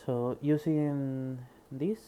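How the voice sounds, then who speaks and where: Very slowly and in a steady, medium-pitched voice, a Spanish-accented man from Spain reads a programming book aloud and then murmurs to himself while testing ideas. His tone comes through clean in this casual screen recording.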